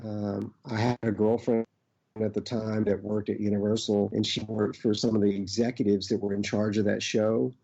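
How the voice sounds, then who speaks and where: A relaxed, somewhat low-voiced man with an Arkansas accent shares memories as an actor being interviewed. He talks casually and haltingly, circling back as he goes. The audio is slightly dull. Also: gravelly. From Arkansas, United States. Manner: rambling, halting storytelling. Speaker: actor, podcast guest.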